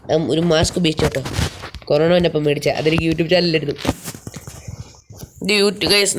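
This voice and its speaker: Young male gaming YouTuber, casual and excitable, talks straight to viewers, faint hiss on the mic. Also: fairly high pitch. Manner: chatty, keeps calling out to guys; jumps into loud excited shouts. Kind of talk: casual gameplay commentary.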